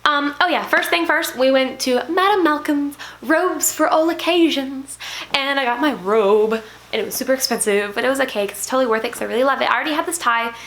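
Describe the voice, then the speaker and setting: A young woman vlogging a casual trip recap, chatty and excited, often correcting herself. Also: a little high, rapid-fire.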